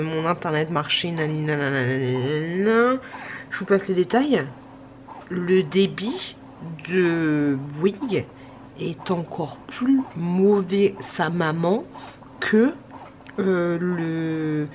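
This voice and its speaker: A woman, in her twenties, rambling to camera late at night while worn out and a little sick. Her voice sits on the low side, and a faint hum from a breast pump runs underneath. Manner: rambling, chatty, lots of fillers and restarts. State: tired. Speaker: vlogger. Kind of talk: casual chat to camera. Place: home at night, pumping breast milk.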